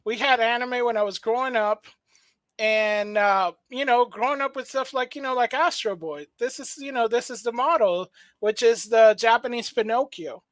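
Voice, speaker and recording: A woman's voice: on the high side, moderate pace, dry recording. A woman from South America, co-hosting a casual debate and defending her view eagerly with many restarts.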